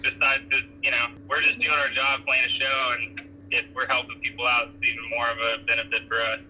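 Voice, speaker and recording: A man's voice: mid-range voice, level tone, fairly quick. A man talking on a hands-free Bluetooth phone call while driving, laid-back and full of fillers and restarts as he answers interview questions. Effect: Bluetooth phone call from a car. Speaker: touring band member being interviewed. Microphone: car Bluetooth hands-free. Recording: tinny phone line with faint noise.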